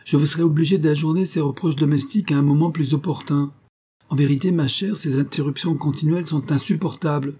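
A man's voice: a little high, brisk, hardly any pauses, mellow, slightly rough, pitched above the performer's own voice. A man doing a pompous, impatient husband.

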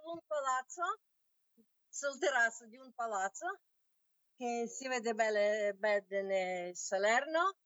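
A woman from Ukraine, a community representative, answering a live interview over a phone line and speaking haltingly while she searches for words. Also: on the high side, animated, fairly bright tone, dry recording. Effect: heard over a phone line. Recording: dull lo-fi phone audio.

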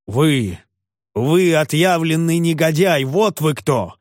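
A man voicing an elderly gentleman in a rage, blustering and indignant. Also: mid-range voice, normal speed, dry recording, clean studio sound, lightly acted. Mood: furious. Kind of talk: audiobook character voice.

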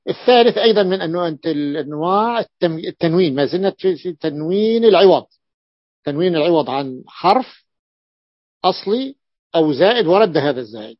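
Guy teaching a grammar class, kinda high voice, says words over slow, lo-fi dry sound. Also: expressive, no room sound. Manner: repeats words slowly to stress them. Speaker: sheikh teaching Arabic grammar. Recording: dull lo-fi dry recording.

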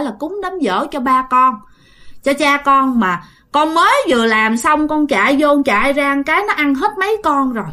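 A woman doing a frantic pleading old woman. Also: sharp tone. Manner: pleading, flustered, high-pitched. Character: poor old woman pleading before the underworld judge.

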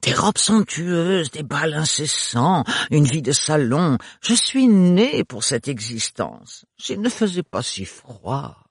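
A man playing a spoiled young woman whose voice shoots up high and stretches slowly into whines. Her shrill tone stays lively and dramatic, on a husky, dry storybook reading. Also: no echo, heavily acted. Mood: whiny.

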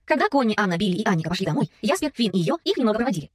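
A woman narrating a children's audiobook in a brisk, expressive reading. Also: medium pitch, breathy edge, no room sound, clean studio sound. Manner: brisk, expressive reading that shifts voice for each character.

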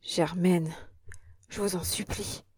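A woman's voice: lowish voice, fairly even intonation, slow, darkish tone, slightly rough. A woman reading an audiobook and voicing an anxious young male painter in a pleading, alarmed manner.

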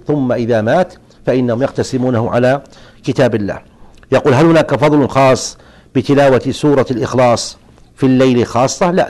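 A middle-aged man, a religious scholar, answering listeners' questions in a lecture with a measured, explanatory delivery and occasional pauses. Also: mid-range voice, a little mellow. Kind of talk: lecture Q&A on jurisprudence.

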